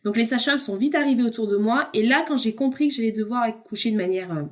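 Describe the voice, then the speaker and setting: Woman guest on a podcast, kinda high voice, candid chatty storytelling, talks to the host like a friend. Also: fast talker. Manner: candid and conversational, addresses the host informally. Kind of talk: personal storytelling in a casual chat.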